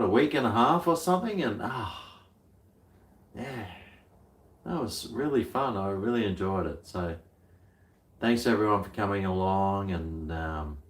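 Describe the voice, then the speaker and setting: A middle-aged man with an Australian accent chatting casually on a livestream, laid-back, blokey and full of slang. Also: on the low side. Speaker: livestream host. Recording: roomy, echoey sound.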